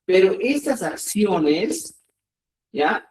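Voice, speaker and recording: A man teaching a live online language lesson who keeps checking that students follow and slows down to stress key words. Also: sits high, very animated, darkish tone. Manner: repeats checks like "¿ya?" and "ojo". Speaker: Quechua teacher. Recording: roomy, distant sound.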